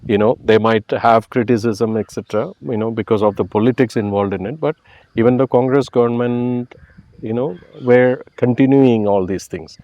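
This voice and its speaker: A man's voice: mid-range voice, moderate pace, highs cut off. A man from Kerala with a Malayali accent, speaking reflectively and explaining his views in a conversational interview. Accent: Malayali Indian. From Kerala, India. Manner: explanatory, often tags phrases with "you know". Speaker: interview guest.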